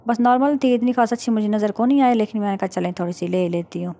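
A woman's voice: medium pitch, quick pace, warm tone. A middle-aged woman from Pakistan with a Punjabi-tinged Urdu accent, chatting casually in a vlog voice-over. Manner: chatty, matter-of-fact, recounting haggling. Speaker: vlogger.

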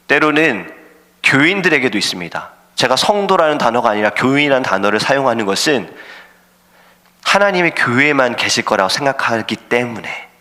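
Bright-voiced pastor preaching in a reverberant hall. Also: male voice, medium pitch. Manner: earnest preaching, acts out shouting sailors and God's voice. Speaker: senior pastor. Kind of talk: sermon. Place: church sanctuary.

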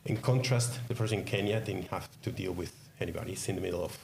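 Deep, creaky Colombian man at a seminar. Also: fast. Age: middle-aged. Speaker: seminar speaker. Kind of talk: answering questions at a seminar. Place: indoor seminar room at a lectern. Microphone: lectern microphone. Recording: faint room noise.

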